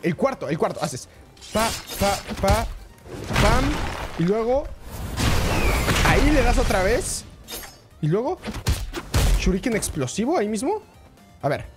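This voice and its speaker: A man giving chatty, excitable live commentary while he plays a game and keeps greeting his chat. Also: high voice, moderate pace, long pauses, loud music behind the voice. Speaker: gaming streamer. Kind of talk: live-streamed gameplay commentary.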